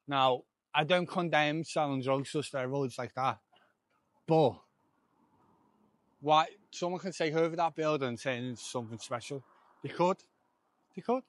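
A tipsy young man narrates a walking vlog from his handheld phone, rambling and repeating himself as he goes. His voice sits a touch high for a man. The sound is dry and close, with almost no room echo around it. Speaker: vlogger. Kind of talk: casual walking vlog commentary. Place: outdoors on town streets at dusk.

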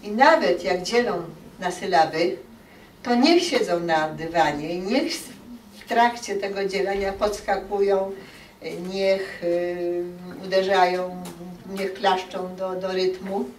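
Lively woman lecturing in a hall. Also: medium pitch, slow, recorded from a distance, slight background noise. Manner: lively, acts out quoted parents and children. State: dry throat. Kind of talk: open lecture to teachers. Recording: echoey hall, recorded from afar.

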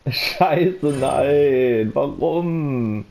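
A man's voice: medium pitch, extremely slow, creaky, a little hiss or hum. A German man commenting on a horror game he is playing, talking to the characters and his viewers, easily startled and yelping into a close microphone. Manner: jumpy, yelps and shouts when startled. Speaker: let's play commentator. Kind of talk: casual gameplay commentary. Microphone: close desk microphone.

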